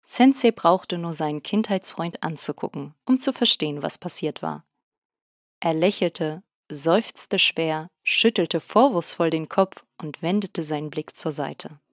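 Woman narrating an audiobook, low voice. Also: no echo, studio quality. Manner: steady, measured storytelling.

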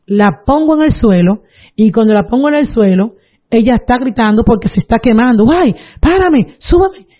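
A woman's voice: on the high side, fairly quick. Earnest woman giving a religious testimony. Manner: earnest storytelling with preaching asides. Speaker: testimony giver. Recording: dull lo-fi recording.

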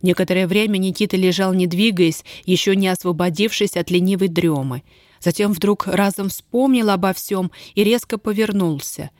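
A woman narrating an audiobook in a calm, measured way at a medium pitch. The recording is close and dry, with no room echo. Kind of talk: scripted narration.

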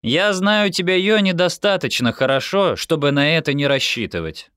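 A stern, unimpressed woman officer with a pistol, as a male reader puts her on, raised in pitch but flat and dry in delivery. She sounds tired of everyone, in a close, dry studio recording. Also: normal speed, no room sound. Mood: deadpan stern. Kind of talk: audiobook character voice.

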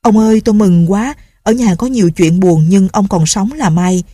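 A humble old servant in a spoken story, eager to please his master and pleading his loyalty, as a woman narrator puts him on. The voice is husky and mellow. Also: medium pitch, moderate pace, no echo, studio quality, natural voice. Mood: earnest. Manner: pleading and deferential.

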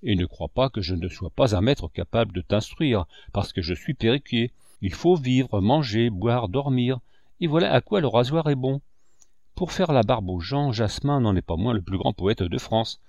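A man's voice: medium pitch, lively intonation, normal speed, a little mellow, no echo, dull audio, close to an everyday voice. A man voicing a jovial, boastful middle-aged barber who is also a musician, speaking in an exuberant, declamatory way. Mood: enthusiastic. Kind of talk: audiobook character voice.

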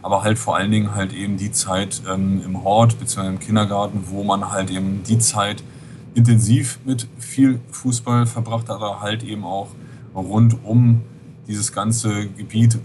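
Speaking over a noisy Skype connection, a West Berlin man in his forties gives a casual podcast interview. He rambles and leans on many fillers. His delivery is low and flat at a moderate pace.

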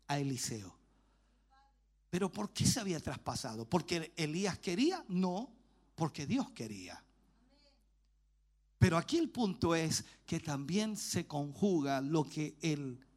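A man with a Chilean accent preaching a sermon as pastor, telling stories with animation and acting out the voices of the people he quotes. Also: fairly high pitch. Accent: Chilean Spanish.

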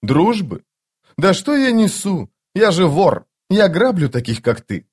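A man's voice: high voice, very animated, measured pace, darkish tone, husky, voice pushed up, full character voice. A man voicing a proud, touchy young male street thief in an audiobook, talking defiantly. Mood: agitated. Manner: agitated, defiant.

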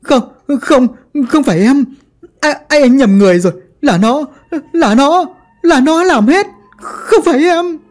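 A woman voicing a treacherous male gang boss who wails and pleads in a shrill voice. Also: normal speed, long pauses, mellow, natural voice. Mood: wailing pleading.

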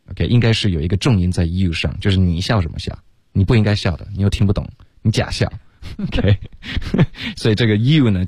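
A man co-hosting a relaxed radio English lesson, chatting, laughing and modelling English phrases slowly. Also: on the low side, breathy edge, dry recording, clean studio sound. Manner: relaxed, laughs often, switches into English examples. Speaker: English teacher.

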